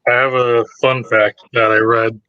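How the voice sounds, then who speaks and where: A man's voice: mid-range voice, flat delivery, measured pace, no room sound, muffled recording. A man chatting casually as a podcast panelist, sharing bits of information. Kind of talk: casual chat sharing trivia.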